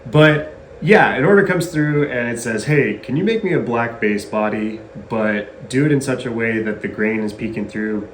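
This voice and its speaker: A man hosting a casual guitar-building tutorial in his garage workshop, chatty and jokey. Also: fairly low pitch. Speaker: guitar builder and channel host. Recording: echoey garage with faint noise.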